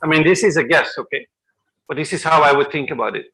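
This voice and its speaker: A man's voice: on the high side, quick pace, a bit bright, poor audio. A man speaker answering audience questions at an academic workshop, thinking aloud and checking in with "okay?".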